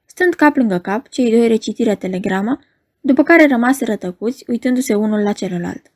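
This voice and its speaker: A woman narrating a novel in a measured storytelling manner. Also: a little high, expressive. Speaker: audiobook narrator. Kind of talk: novel reading.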